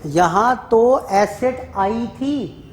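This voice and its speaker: A man's voice: extremely high pitch, lively intonation. A male accounting teacher giving a classroom lecture, repeating points and quizzing his students as he goes. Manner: slow, repetitive, keeps quizzing students. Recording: echoey classroom.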